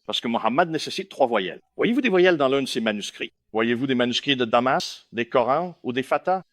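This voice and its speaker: Male lecturer, animated pitch, keeps asking the room if they follow. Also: a little fast, no room sound, studio quality. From India. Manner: keeps checking in with listeners, questioning and emphatic. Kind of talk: lecture to a live audience.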